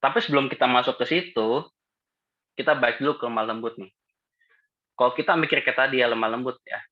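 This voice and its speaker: A man's voice: mid-range voice, quick pace. A man leading a casual Bible study group, talking conversationally and putting questions to the listeners. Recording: dull lo-fi audio.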